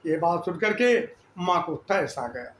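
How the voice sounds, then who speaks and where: An older man slowly recounting his life story, pausing often and restarting his words. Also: high-pitched, animated, a bit bright. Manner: slow, deliberate, with pauses and restarts. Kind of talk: spoken life-story narration. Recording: echoey room.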